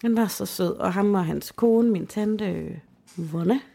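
A young woman co-hosting a podcast tells a personal story in a casual chat, her mid-range voice creaky and warm. She is emotional and chatty, using many fillers.

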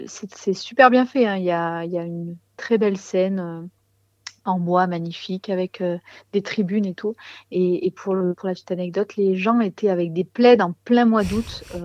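A woman's voice: lowish voice, darkish tone, no echo, highs cut off. A woman answering as a musician in a casual interview, hesitantly searching for words.

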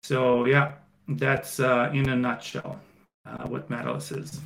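A man from Croatia in his thirties, a podcast guest talking casually about his startup, with many fillers and pauses. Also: mid-range voice, flat delivery, gravelly, poor audio. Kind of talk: casual interview answers.

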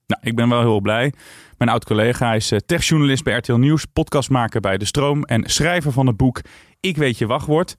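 A man's voice: medium pitch, brisk, no echo, studio quality. Easygoing male podcast host. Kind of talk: casual chat.

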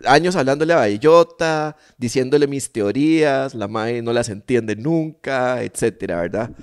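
A man's voice: mid-range voice, moderate pace, clean tone. A man with a Costa Rican accent hosting a casual podcast chat, telling stories in a playful way. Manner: playful storyteller, laughs often. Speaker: podcast host.

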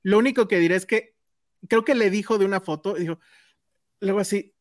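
A woman's voice: mid-range voice, a little fast, no room sound. Chatty Mexican woman, dry close sound. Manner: chatty, storytelling with asides. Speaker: podcast host. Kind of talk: casual chat.

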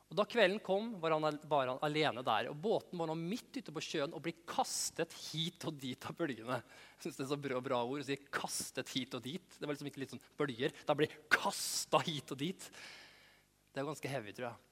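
Guy preaching in a church hall, animated, tells the story with lots of energy, echoes a lot. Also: a little high. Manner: lively, storytelling, reads scripture aloud and acts out scenes. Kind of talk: sermon. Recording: long hall reverb.

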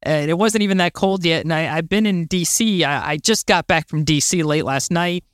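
A woman's voice: lowish voice, moderate pace, no echo, clean studio sound. Bubbly woman from Florida co-hosting. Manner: bubbly, animated, laughs often. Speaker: podcast co-host. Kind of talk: casual chat.

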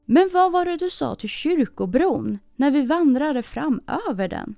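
A woman's voice: sits high, expressive, gravelly, dark tone, no room sound, clean studio sound, faint music behind, pitched above the performer's own voice. A woman reading as an earnest young prince. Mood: questioning. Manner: probing, earnest. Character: young king's son, earnest and questioning.

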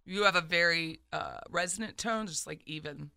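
Emotional, very bright-voiced woman radio host. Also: lowish voice, moderate pace, creaky, clear, resonant tone, dry recording. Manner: emotional, animated storyteller. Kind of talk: casual radio chat. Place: radio studio at a desk. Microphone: studio microphone.

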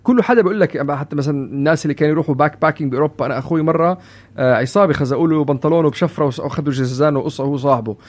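A man co-hosting a casual parenting chat, telling stories in a lively way and dropping in English phrases. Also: a little high, rapid-fire. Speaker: podcast co-host, parent.

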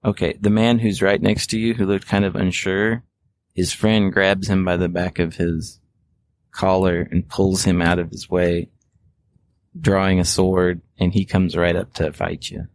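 A man with a very low voice narrates a tabletop game as game master, laying out the fight at an easygoing pace and restarting his phrases. A faint hiss sits under his voice. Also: unhurried. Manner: relaxed, descriptive, with frequent restarts.

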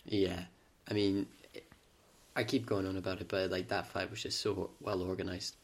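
A man with a very deep voice chats on a podcast. He rambles with enthusiasm and chips in with short agreeing replies. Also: flat delivery, normal speed. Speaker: podcast co-host. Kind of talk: casual chat.

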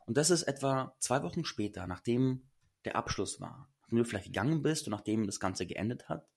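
A man's voice: medium pitch, animated, a little fast, gravelly, a little mellow, husky. A man giving casual but earnest relationship advice to listeners, emphatic and slangy.

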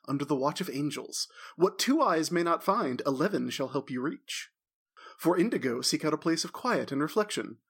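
Villain's magically amplified, booming voice in a tabletop game, menacing and grandiose, slightly husky, put on by a male game master. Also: a bit bright, exaggerated voice. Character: dread male villain's booming voice echoing through a castle.

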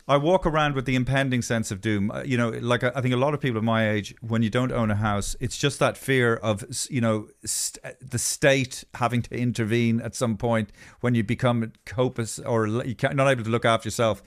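A man in his fifties, co-hosting a comedic chat, talks in halting restarts with sudden loud outbursts. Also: medium pitch, fairly even intonation. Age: 50s. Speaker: podcast co-host.

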